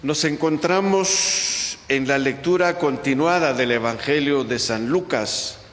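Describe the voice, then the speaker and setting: A man, a priest, proclaiming the Gospel at Mass in a slow, measured way, his voice ringing through a large church's cathedral echo. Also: medium pitch, fairly bright tone. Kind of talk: liturgical Gospel reading at Mass. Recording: long church reverb.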